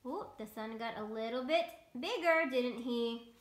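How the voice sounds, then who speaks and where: Speaking unhurriedly in a slightly high voice, a woman in her thirties hosts a bedtime story for young children, reading aloud with simple words and questions to the listener. She's indoors in a small bedroom, and the home recording is roomy and echoey.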